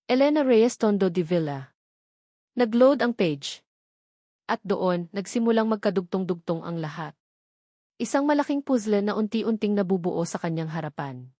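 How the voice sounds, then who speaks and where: A narrator of audio love stories, a woman with a Filipino accent, reads a dramatic scripted romance in a medium-pitched, darkish voice. The studio sound is clean, with no room sound at all.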